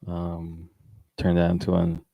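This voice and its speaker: Deep-voiced laid-back island man. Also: monotone, slow pace, creaky, warm tone, dry recording, poor audio. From Wai'anae, Hawaii. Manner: laid-back, laughs easily, stumbles and repeats words. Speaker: podcast host. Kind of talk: casual chat. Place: small studio room.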